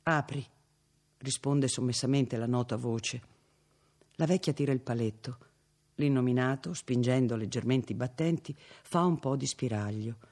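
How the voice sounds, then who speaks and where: A man giving a measured, dramatic reading of a classic novel as an audiobook. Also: medium pitch, a little mellow. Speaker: audiobook reader. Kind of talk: literary narration.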